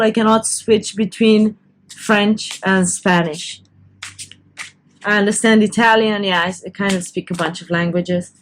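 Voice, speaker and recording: A woman's voice: medium pitch, slight background noise. A woman doing a casual tarot reading to camera, talking loosely with restarts and self-corrections. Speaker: tarot reader.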